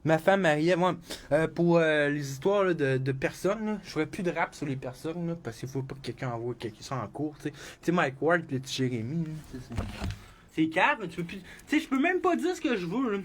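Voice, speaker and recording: A man's voice: on the high side, very animated, brisk, a little hiss or hum. A man with a Québécois French accent, a rapper chatting casually on a livestream and freestyling, rambling and swearing often.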